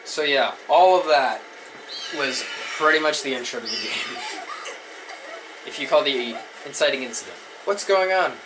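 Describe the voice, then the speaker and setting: A man's voice: medium pitch, background noise. Joking man commenting on a game. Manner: joking, chatty. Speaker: let's player. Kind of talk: casual gameplay commentary. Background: game music.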